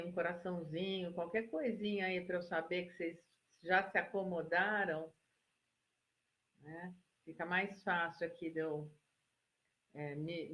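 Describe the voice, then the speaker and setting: A Brazilian woman who works as a psychologist, giving a live-stream relaxation lesson and talking listeners through slow breathing in a soothing way. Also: fairly low pitch, muffled recording. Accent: Brazilian Portuguese. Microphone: phone or laptop mic for a live stream.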